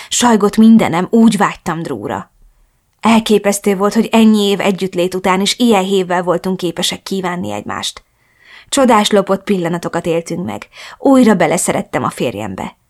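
A woman narrating a first-person romance novel in a soft, reflective reading voice. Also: fairly low pitch, animated. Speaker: audiobook narrator.

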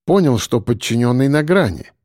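A man's voice: medium pitch, sing-song, normal speed, a little mellow, no echo. Man reading a story, dry close sound. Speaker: audiobook narrator. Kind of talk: scripted narration.

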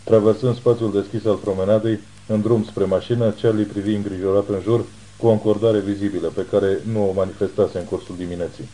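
A man narrating an audiobook in a steady, even way. His voice is low-pitched and very dark, with a mellow, relaxed tone. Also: hardly any pauses, poor audio. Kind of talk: scripted narration.

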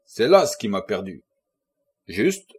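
A man's voice: fairly low pitch, sing-song, slow, a little mellow, husky, exaggerated voice. A man voicing a cynical young murderer who brags about his crime. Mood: shocked. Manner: boastful, bitter.

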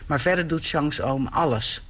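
Man filing a measured radio report. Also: a little high, fairly bright tone. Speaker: foreign correspondent.

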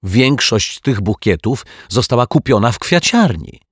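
A man's voice: medium pitch, very animated, unhurried, husky, dry recording, studio quality, voice pushed up. A man voicing an earnest, kind male detective in a children's story, exclaiming. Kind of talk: storybook reading.

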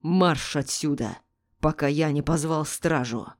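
A woman's voice: low voice, unhurried. A woman voicing a stern older male doctor who speaks icily and commands. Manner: icy, commanding.

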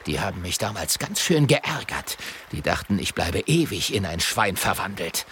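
A man voicing a grumpy, scheming male wizard in a children's audiobook, talking gruffly and slowly. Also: deep voice, big pitch swings, a bit bright, a little hiss or hum, voice pushed down. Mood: sneering. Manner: gruff, sneering, slow and menacing.

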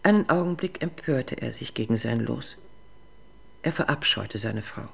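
A woman reading a literary short story aloud in a composed, even narrating voice. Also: a bass voice, moderate pace, gravelly, husky.

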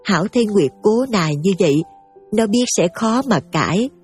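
A woman giving steady, emotive scripted story narration over faint music. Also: mid-range voice, moderate pace, slightly rough.

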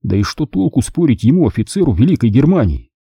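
Husky male audiobook narrator. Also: very animated, fast, warm tone, no room sound, clean studio sound. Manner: voices the soldiers in a raised pitch.

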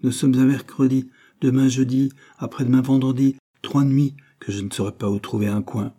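A man voicing an embittered, worn-out male laborer who complains loudly and resentfully. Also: mid-range voice, little pitch movement, normal speed, pitched above the performer's own voice, natural voice. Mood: resentful complaint. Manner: aggrieved and loud.

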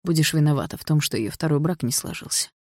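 A woman voicing a controlling middle-aged stepfather who speaks in a calm, menacing, condescending way. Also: low voice, fast, no room sound, clean studio sound. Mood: cold calm.

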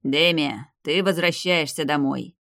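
A stern old clan patriarch, as an audiobook reader plays him, barking orders in a raised, loud voice. The sound is dry and close, with no room around it. He brooks no argument. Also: mid-range voice, measured pace, creaky, no room sound. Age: older. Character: stern old male clan head, commanding. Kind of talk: audiobook character voice.

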